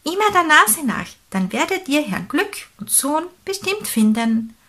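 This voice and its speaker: A woman voicing a strong, helpful pelican in a children's storybook, talking loudly and heartily. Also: sits high, big pitch swings, a little slow, voice pushed up, exaggerated voice. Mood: hearty. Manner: loud, bright and hearty.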